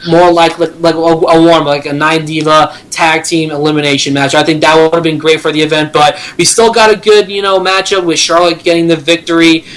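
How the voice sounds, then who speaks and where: A man's voice: on the high side, a bit bright, low-quality recording. A man co-hosting a casual sports talk review, rambling with lots of filler phrases. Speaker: co-host.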